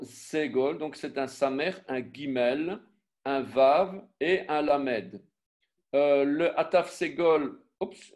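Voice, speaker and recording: Slow, methodical teacher spelling syllables. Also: male voice, on the high side. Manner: self-correcting, with frequent fillers and restarts. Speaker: Biblical Hebrew teacher. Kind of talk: online class with screen sharing.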